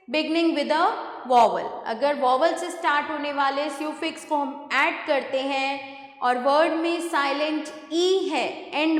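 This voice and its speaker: A woman's voice: high voice, a bit bright, reverberant, long reverb tail. A woman with an Indian accent, teaching an English grammar lesson and explaining each rule in English, then again in Hindi.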